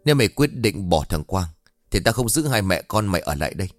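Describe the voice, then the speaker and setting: A man voicing a domineering middle-aged mother who scolds fast and sharply, in a story reading. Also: deep voice, sing-song, dry recording, soft background music. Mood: harsh.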